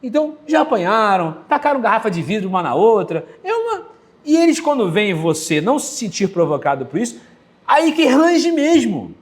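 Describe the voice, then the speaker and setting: A Brazilian man with a Brazilian Portuguese accent preaches with lively, animated energy, telling vivid stories from his own life. His voice sits fairly high for a man, and he brightens it further when he acts out quoted lines. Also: a little fast. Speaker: pastor. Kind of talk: sermon.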